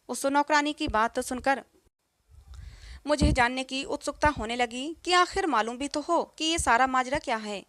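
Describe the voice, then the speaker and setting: A woman storyteller with a high voice gives a first-person scripted story narration in a steady, emotional reading. The sound is close and dry, with no room around it. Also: no echo.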